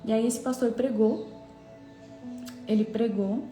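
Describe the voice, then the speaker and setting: A woman's voice: fairly high pitch, steady tone, takes it slowly, warm tone. A woman giving an emphatic, fervent devotional testimony and acting out prayers and dialogue. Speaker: preacher. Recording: echoey room with faint music.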